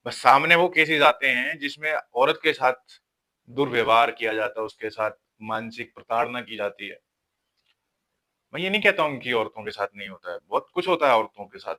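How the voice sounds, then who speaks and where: A man's voice: medium pitch, bright, forceful tone. A man giving a lecture-style relationship advice talk, earnest and insistent, driving points home with rhetorical questions.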